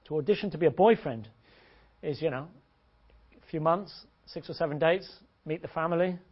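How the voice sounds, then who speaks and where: A man gives a blunt, joking seminar talk as a dating coach. His voice sits a bit high for a man. The recording is dull and lo-fi. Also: moderate pace, slightly rough. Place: seminar room. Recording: dull lo-fi audio.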